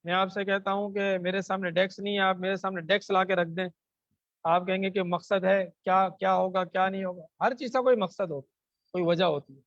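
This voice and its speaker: A man with a Pakistani Urdu accent teaching a Quranic grammar lesson into a microphone. He recites Arabic verses slowly, then explains them, and asks the class questions that he answers himself. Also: sits high, fairly even intonation, fairly bright tone, no room sound, lo-fi sound.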